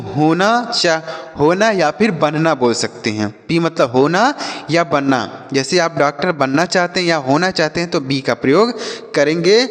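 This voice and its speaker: A man teaching simple English words to children, spelling each one out and slowly repeating example sentences. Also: on the high side. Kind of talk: slow classroom lesson for children. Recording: long reverberant room echo.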